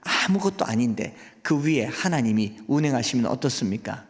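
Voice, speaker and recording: A man's voice: mid-range voice, animated, moderate pace. A male guest pastor preaching a sermon in a church, pressing his congregation with rhetorical questions. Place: church sanctuary. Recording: long church hall reverb.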